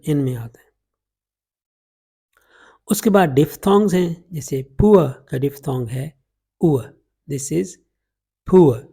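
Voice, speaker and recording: In this phonetics lecture, delivered in Urdu-Hindi with English examples, an English teacher slowly demonstrates vowel sounds by stretching out each example word. His voice is gravelly, husky and dark, and pitched slightly high for a man.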